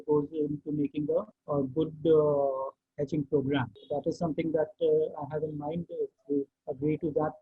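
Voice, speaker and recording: Male webinar host, Indian accent, raspy, halting question-and-answer delivery, dry narrow phone-like audio. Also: on the high side. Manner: halting, deliberate, repeats words. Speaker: host of an online market outlook session. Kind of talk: unscripted question-and-answer commentary. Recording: tinny phone-like online call.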